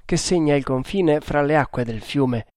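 A man reading an adventure novel aloud in a measured, deliberate narration. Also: on the high side, a little mellow, no echo, studio quality.

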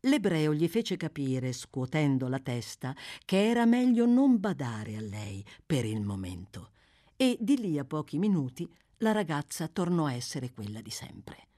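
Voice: mid-range voice, big pitch swings, a little slow, warm tone. An audiobook narrator reading a classic novel with dramatic, varied delivery. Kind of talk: expressive scripted narration.

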